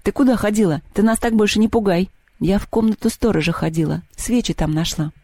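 A man's voice: high voice, a little fast, a little mellow, dry recording, studio quality, voice pushed up. A man reading an audiobook voices a nervous schoolboy trying to take charge, talking in an agitated, scolding way.

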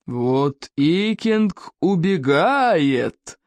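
A reader voicing a big, proud Viking chief who thunders slowly and commands. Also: medium pitch, lively intonation, dry recording, lightly acted. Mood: furious.

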